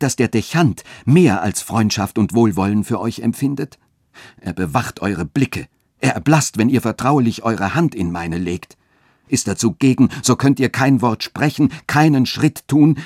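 A man's voice: medium pitch, animated, moderate pace, hardly any pauses, a little mellow, husky, no echo, clean studio sound, pitched above the performer's own voice. A man voicing a passionate young lover who pleads fervently and urgently. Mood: pleading ardently.

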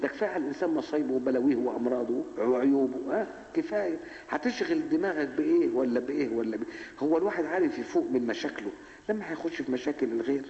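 A man's voice: mid-range voice, expressive, rapid-fire, dark tone. A man with an Egyptian Arabic accent preaching a Ramadan lesson in a mosque, who keeps prompting his audience with rhetorical questions. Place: large mosque hall. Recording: echoey mosque hall, dull 1980s recording.

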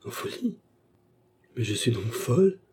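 A man's voice: mid-range voice, moderate pace, warm tone, a little hiss or hum, close to an everyday voice. A man reading an audiobook, voicing a frightened young woman who pleads with anguished questions. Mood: distraught.

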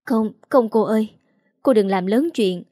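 A woman's voice: medium pitch, measured pace, mellow, dry recording, clean studio sound, close to an everyday voice. A woman voicing a young female model who pleads, stammers and sobs. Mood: pleading tearful.

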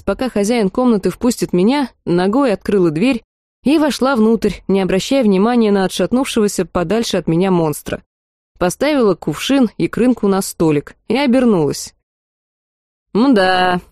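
Lady reading a fantasy audiobook, wry and lively, warm dark tone, dry close sound. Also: mid-range voice, dry recording. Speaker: audiobook narrator. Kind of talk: first-person fantasy audiobook narration.

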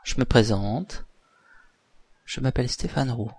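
A man, a hypnotherapist leading a relaxation session in a deliberate, soothing, breathy voice with pauses. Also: mid-range voice, a little mellow. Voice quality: breathy, husky, at times near whisper.

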